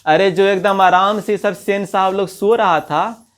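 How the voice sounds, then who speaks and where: Slow-talking teacher. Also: male voice, sits high, fairly even intonation, fairly bright tone, smooth. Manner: reads a passage, then retells it in local dialect and quizzes the listener. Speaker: Hindi teacher. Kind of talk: explaining a textbook story line by line.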